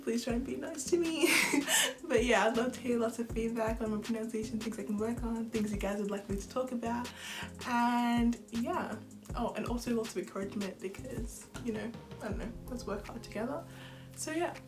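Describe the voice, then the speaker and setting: A young woman from Zimbabwe, giving a relaxed, chatty bedtime talk as a vlogger, soft-spoken and giggly, at times sinking to a whisper. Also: fairly high pitch, moderate pace, over music. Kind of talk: relaxed bedtime chat to camera.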